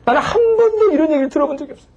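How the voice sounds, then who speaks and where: A man preaching in Korean, telling a personal story with animated swings from hushed to crying out, acting out the voices he quotes. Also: very high-pitched, rapid-fire, dull audio, noisy background. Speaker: pastor and lecturer. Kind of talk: sermon-style storytelling lecture.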